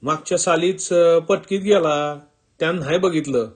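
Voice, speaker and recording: Guy reading it puts on a friendly young village schoolteacher, rural marathi village accent, simple loud talk. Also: a little high, normal speed, breathy edge, pitched above the performer's own voice. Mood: somber. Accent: rural Marathi village dialect. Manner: simple rustic speech, raised voice. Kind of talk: storytelling reading.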